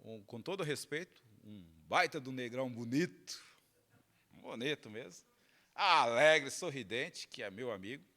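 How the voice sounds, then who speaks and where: A man's voice: mid-range voice, lively intonation, measured pace, bright, forceful tone. A middle-aged man from Minas Gerais, a pastor telling a personal story during a sermon, acting out the dialogue and laughing along. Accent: Minas Gerais Portuguese.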